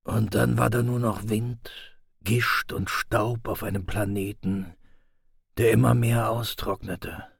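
A man reading audiobook excerpts as scripted narration, with a measured, grave storytelling delivery. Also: on the low side, steady tone, creaky, breathy edge, dry recording, studio quality.

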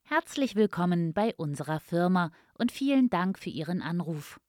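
A woman's voice: fairly low pitch, expressive, normal speed, a little mellow, dry recording, studio quality. A woman in a polite, formal customer service voice, reading a scripted answering machine announcement. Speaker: phone announcement voice.

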